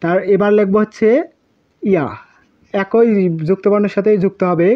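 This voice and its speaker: A woman's voice: mid-range voice, fairly even intonation, normal speed. A woman teaching a language class, patiently repeating syllables while she writes them out. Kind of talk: whiteboard lesson, slow drilling of syllables. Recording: muffled lo-fi recording.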